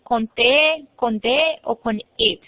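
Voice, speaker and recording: A woman's voice: a little high, takes it slowly, no room sound. A woman teaching an online English class, patiently explaining step by step and modelling words for her students to repeat. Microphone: computer mic on a video call. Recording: muffled, dry online-class audio.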